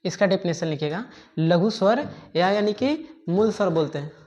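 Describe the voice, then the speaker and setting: A woman teaching a grammar lesson, dictating notes slowly and repeating each point with frequent checking fillers. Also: on the low side, animated, darkish tone.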